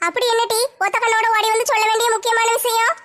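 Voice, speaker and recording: A fast squeaky neighbour. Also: female voice, level tone, a bit bright. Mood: mocking. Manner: brisk, scolding. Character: scolding village neighbour woman, defensive and bossy.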